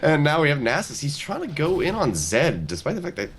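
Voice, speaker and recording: Fast-talking male play-by-play commentator. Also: fairly high pitch, a little hiss or hum. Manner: rapid, excitable play-by-play. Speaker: esports commentator.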